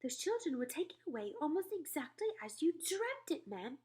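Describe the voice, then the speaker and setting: Woman playing a deferential storybook maid, quavering, high voice, lively intonation. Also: normal speed. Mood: earnest. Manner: deferential, quavering, always saying ma'am. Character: timid, deferential royal maid.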